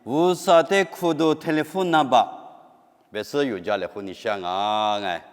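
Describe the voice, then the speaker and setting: A man's voice: medium pitch, moderate pace, clean tone. Man preaching in a reverberant hall. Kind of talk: sermon.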